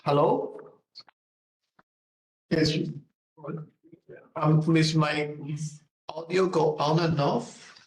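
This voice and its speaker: A man's voice: fairly high pitch, fairly even intonation, very slow, long pauses, reverberant, low-quality recording. A man presenting a statistics talk over a video call, hesitant with many fillers, his audio dropping in and out. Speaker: statistician presenting at an online meeting. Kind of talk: halting online presentation.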